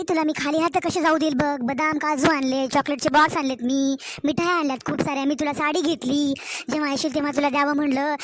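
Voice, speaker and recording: A woman's voice: high-pitched, dry recording, close to an everyday voice. A woman voicing a scheming young daughter. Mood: coaxing. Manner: chatty, coaxing, drawn-out village-style talk. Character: young married daughter, scheming and sweet-talking. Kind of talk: cartoon story voice acting.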